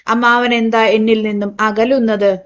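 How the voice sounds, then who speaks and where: A woman's voice: on the high side, level tone, moderate pace, muffled recording, lightly acted. A woman voicing a devoted young woman in an audiobook, earnest and pleading. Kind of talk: audiobook reading.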